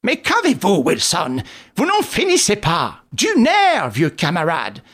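A man's voice: high-pitched, very animated, measured pace, a bit bright, voice pushed up, exaggerated voice. A man reading an audiobook, voicing a self-satisfied English detective who talks in a hearty, bossy way.

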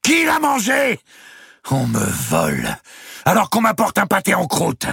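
A man voicing a tyrannical, gluttonous old countess who shouts and scolds her servant in a shrill voice. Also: huge pitch swings, a little slow, vocal fry, slightly rough, no room sound, studio quality, full character voice. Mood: shrieking.

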